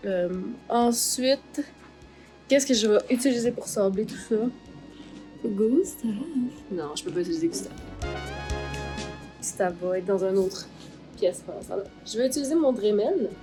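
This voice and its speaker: A woman with a Québécois French accent talks through a craft process in a medium-pitched voice. She is informal and thinks aloud, dropping in English words here and there. Music plays clearly behind her. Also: expressive, moderate pace, long pauses. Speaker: craft artist, vlog host. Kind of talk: casual making-of vlog, explaining steps. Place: art workshop. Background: background music.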